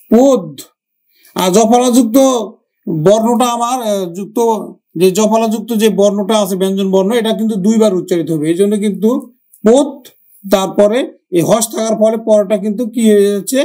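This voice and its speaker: A man with a Bangladeshi Bengali accent teaching a grammar lesson for exam preparation, slowly repeating words and their pronunciations. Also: high voice, fairly even intonation, dark tone. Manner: slow, drawn-out repetition of words.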